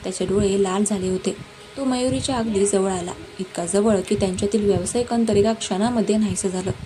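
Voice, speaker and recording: A woman narrating a romance story in a dramatic, even-paced reading. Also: mid-range voice, brisk. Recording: noisy background hiss.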